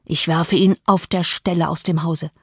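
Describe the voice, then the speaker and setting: A woman's voice: fairly low pitch, steady tone, moderate pace, husky, no echo, clean studio sound. A woman reader voicing a curt, menacing master of the house. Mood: harsh. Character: harsh, shaken master of the house, man.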